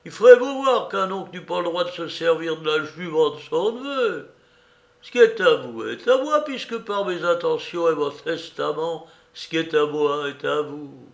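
A man's voice: a little high, animated, moderate pace, creaky, echoey room, pitched above the performer's own voice. A man voicing a sly, scornful dying old beggar whose thin voice rattles and fails as he gives orders. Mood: grave. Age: older. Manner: mocking and imperious. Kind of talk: audiobook character reading.

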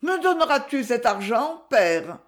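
A proud, desperate young woman from a read-aloud novel, as a woman narrator puts her on. She pleads and protests in a raised, lively voice that climbs and falls widely. Her tone rides high above the reader's own. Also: unhurried. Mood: tearful pleading.

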